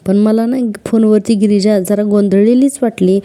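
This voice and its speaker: A woman's voice: mid-range voice, fairly even intonation, moderate pace, warm tone, close to an everyday voice. A woman voicing a worried young wife who sulks and frets.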